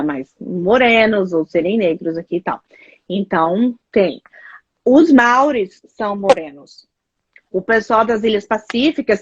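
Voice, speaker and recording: With a mid-range voice and a Brazilian Portuguese accent, a Brazilian woman guest chats casually and tells animated stories with many fillers. The sound is lo-fi, with no echo.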